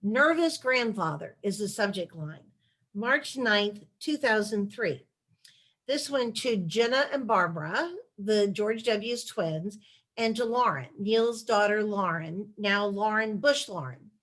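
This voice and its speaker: During a video call interview, a former chief of staff turned author reads letters in a measured, storytelling style. She has a mid-range voice, a bit bright, with lively intonation.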